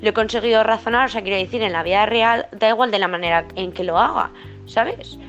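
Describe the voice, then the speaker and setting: A woman's voice: mid-range voice, brisk, fairly bright tone, muffled recording, faint music behind. A teenage girl, chatting casually as a student, indignant and full of colloquial slang. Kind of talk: casual chat.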